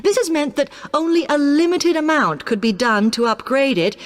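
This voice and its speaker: British woman acting as a polite uni accommodation officer, highish lively voice, orderly scripted talk, big echoey hall. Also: normal speed, lightly acted. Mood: polite, informative. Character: polite, helpful female university accommodation officer. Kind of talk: scripted informational talk to students. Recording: long reverberant hall sound.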